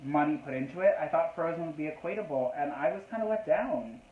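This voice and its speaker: A man chatting as a guest on a live stream, fast and emphatic, gushing about what he loves. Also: a little high, echoey room, phone-quality sound. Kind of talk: casual live-stream chat.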